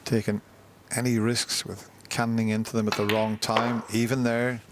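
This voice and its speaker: Low-voiced male snooker commentator. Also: level tone, normal speed, slight background noise. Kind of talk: live sports commentary. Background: snooker arena crowd.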